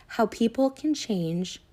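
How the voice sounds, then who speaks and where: A woman's voice: a little high, dark tone. Woman, 30s, YouTuber ranting to camera; wounded, indignant, repetitive, stammering restarts. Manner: hurt, indignant, repeats phrases with stammered restarts. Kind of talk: emotional vlog rant to camera.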